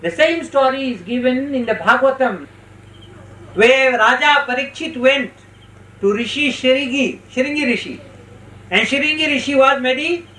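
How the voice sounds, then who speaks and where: A spiritual teacher giving a religious discourse with parables, speaking instructively and slowly in short phrases with deliberate pauses. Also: high-pitched, bright, forceful tone. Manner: instructive, checks listeners' understanding. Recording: roomy, distant mic with faint noise.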